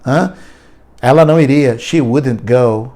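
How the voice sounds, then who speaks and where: Mellow-voiced Brazilian man teaching English. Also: mid-range voice. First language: Portuguese. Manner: animated, drills slow example phrases, laughs while teaching. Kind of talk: online English lesson.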